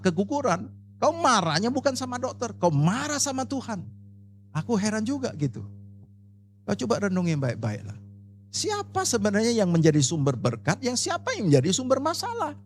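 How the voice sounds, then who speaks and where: Male pastor, high and highly animated voice, emphatic, talks straight to the congregation. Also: normal speed, soft background music. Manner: animated, emphatic preaching, addressing the congregation directly. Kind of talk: sermon with personal storytelling. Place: church service.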